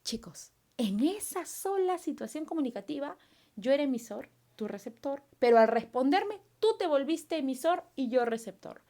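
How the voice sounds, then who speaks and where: A woman's voice: high voice, moderate pace. A woman teacher from Peru, giving a recorded class lesson and firing questions at her students. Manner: animated, asks students questions and acts out their replies.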